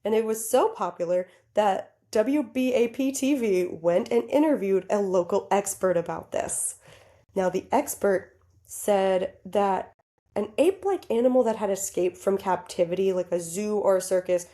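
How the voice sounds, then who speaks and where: Giggly woman with a mellow voice. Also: mid-range voice, moderate pace. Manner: giggly, animated, talks straight to listeners. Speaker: podcast co-host. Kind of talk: casual storytelling chat.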